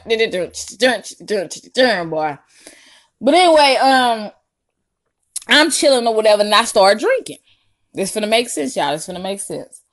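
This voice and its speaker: A young adult woman with a Southern US accent tells a personal story casually to viewers, slangy and animated, with drawn-out emphasis and asides. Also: on the low side. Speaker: storytime vlogger.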